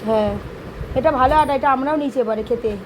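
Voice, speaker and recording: A young woman vlogger chats casually with viewers from inside her home and scolds her child along the way. Her voice is high-pitched and quick, with background noise in the recording.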